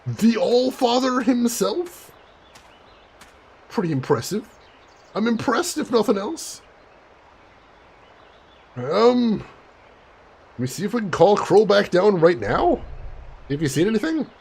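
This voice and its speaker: A high-voiced man streaming a game, husky and crackly at the edges. He comments casually and playfully, chatting to viewers with theatrical asides. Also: sing-song, takes it slowly, long pauses, a little mellow.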